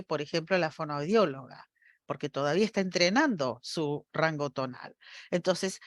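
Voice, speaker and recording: A woman's voice: on the low side, no echo. Dry-sounding woman lecturing. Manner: explanatory, often checks in with the audience. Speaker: university lecturer. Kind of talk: academic lecture.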